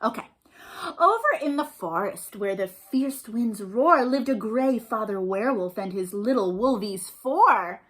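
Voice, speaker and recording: Reading to young kids at a library storytime, this woman speaks at a slightly high pitch, animated yet measured in pace. Her chatter is sing-song and encouraging, full of questions and praise.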